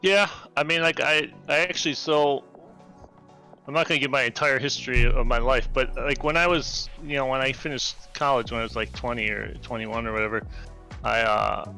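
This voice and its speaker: Guy in his 40s on a video call, chatty and rambly, bright voice, a bit of music underneath. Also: medium pitch, steady tone, normal speed, vocal fry, low-quality recording. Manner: rambling, lots of fillers. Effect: heard over a video call. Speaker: game developer guest. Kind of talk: casual interview chat.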